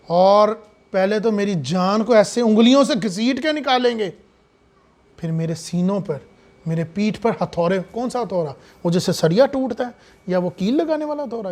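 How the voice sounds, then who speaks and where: Here a man gives a sermon that swings from soft asides to impassioned, loud lines, asking many rhetorical questions. He speaks in a high register and sounds animated.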